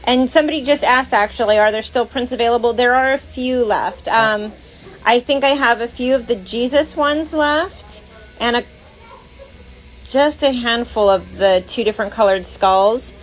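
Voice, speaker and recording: A woman's voice: on the high side, normal speed, poor audio. A young woman co-hosting a casual livestream, reading out chat comments in a chatty, blunt, teasing way.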